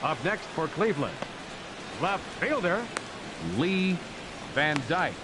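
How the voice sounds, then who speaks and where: A man voicing a ballpark public address announcer, making formal, drawn-out announcements over a stadium loudspeaker. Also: high voice, very animated, heavily acted. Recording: distant loudspeaker under loud noise.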